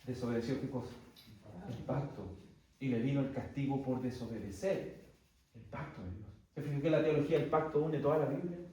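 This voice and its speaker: A man's voice: medium pitch, fairly quick, dark tone. A man teaching a theology class who keeps asking rhetorical questions and answering them himself. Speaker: Bible teacher. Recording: very echoey room, distant mic.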